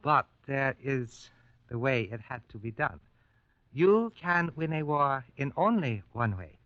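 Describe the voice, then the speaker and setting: An actor playing a polite, arrogant colonel in a grave 1940s radio war drama, speaking formally and condescendingly. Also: male voice, medium pitch, animated, unhurried, a bit bright, dry recording. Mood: boastful, cold. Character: suave, arrogant Japanese colonel, polite captor. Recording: muffled old 1940s radio recording.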